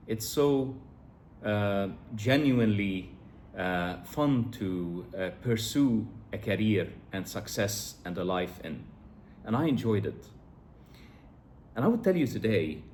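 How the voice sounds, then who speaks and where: A man's voice: lowish voice, slight background noise. A middle-aged man from Lebanon talking to camera in a reflective, earnest way, with frequent fillers and restarts. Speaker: vlogger. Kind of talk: casual to-camera monologue.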